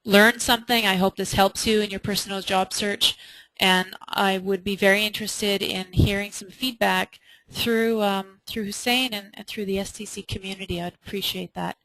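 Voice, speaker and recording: A woman who teaches resume writing presents an online webinar from indoors, answering participants' questions. Her mid-range voice has a fairly bright tone, and she speaks emphatically and poses rhetorical questions. The recording is dry and low-quality with no room sound.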